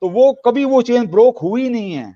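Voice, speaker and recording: Debater, male, high voice, lo-fi call audio, keeps restarting and saying no, no. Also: lively intonation, moderate pace, mellow. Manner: hesitant, stumbling restarts, repeated denials. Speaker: debater defending his faith. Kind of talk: heated online debate.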